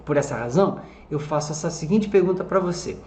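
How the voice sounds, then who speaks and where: Brazilian teacher for an online English class, drags out model sentences, roomy echo, mid pitch. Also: animated, darkish tone, a little hiss or hum. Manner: slow, drawn-out model sentences between quick explanations. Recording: echoey room.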